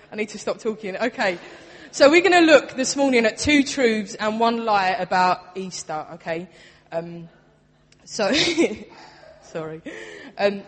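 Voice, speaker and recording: Chatty Cockney woman in a reverberant hall. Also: on the high side. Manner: chatty, self-mocking, laughs often. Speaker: youth worker leading a church talk. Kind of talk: lively Easter talk to a congregation.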